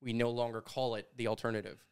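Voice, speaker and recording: Speaking quickly and smoothly, a Canadian man in his thirties animatedly tells stories and gestures during a relaxed conversation. He sits at a studio mic on a boom arm in a studio with brick walls.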